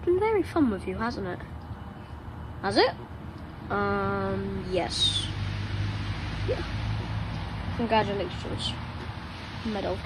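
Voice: mid-range voice, animated, slow, pauses often. A nine-year-old child chatting casually and playfully to a pet dog, rambling affectionately, recorded outdoors. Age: child, nine years old. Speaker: young vlogger talking to a pet dog. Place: outdoors on a patio chair. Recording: noisy outdoor ambience.

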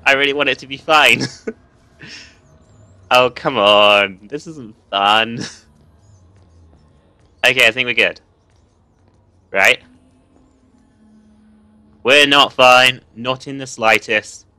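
A man's voice: mid-range voice, takes it slowly, long pauses, sharp tone, clean tone, no echo. A young man, nervously commenting and swearing while playing a horror game for viewers. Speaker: gaming video host.

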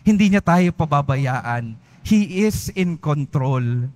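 A man's voice: fairly high pitch, lively intonation, slow, darkish tone. A man, a priest, giving an earnest sermon, repeating phrases and letting his voice fall at the end of each one. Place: large church. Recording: long church reverb.

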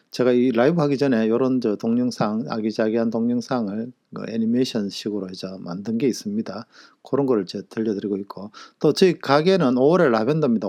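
A man with a Gyeongsang Korean accent chats through a casual live stream. He jokes, laughs often and greets viewers one by one. His voice sits at an ordinary middle pitch. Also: dark tone. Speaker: live-stream host and shop owner.

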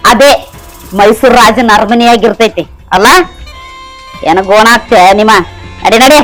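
A woman's voice: mid-range voice, lightly acted, rough recording. A woman with a North Karnataka Kannada accent playing a haughty, scornful middle-aged stepmother-in-law in a village comedy skit. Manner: taunting, sneering, drawn-out scolding. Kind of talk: village comedy drama acting.

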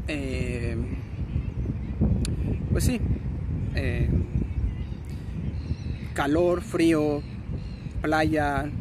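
A young Mexican man vlogging to his phone in a city park, rambling in casual slang and correcting himself as he goes. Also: on the high side. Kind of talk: casual selfie vlog. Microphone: phone at arm's length. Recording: outdoor noise, passing traffic.

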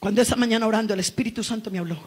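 A middle-aged woman preaching a testimony sermon in church, impassioned and rising to shouts. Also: fairly high pitch, very fast, husky. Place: church service.

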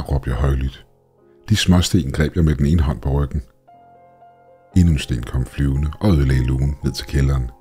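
A man reading a horror story aloud in a steady, measured, scripted narration. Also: a bass voice, slightly rough. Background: faint background music.

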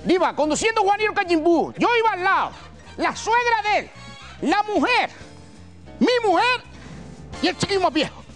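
High-pitched Canarian storyteller, older man. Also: normal speed, pauses often, soft background music. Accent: Canarian Spanish. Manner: folksy, colloquial, animated. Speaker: humorist. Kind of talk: comic storytelling. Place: TV gala stage.

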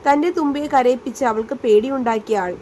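A woman reading a serialized romance story aloud as a storyteller, in a steady storybook narration. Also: sits high, a little fast, slight background noise.

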